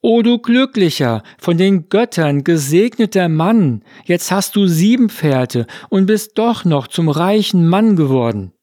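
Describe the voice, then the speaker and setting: A man voicing an agitated crowd of villagers in a storybook reading, with excited, lamenting delivery. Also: fairly high pitch, slow, no room sound, studio quality.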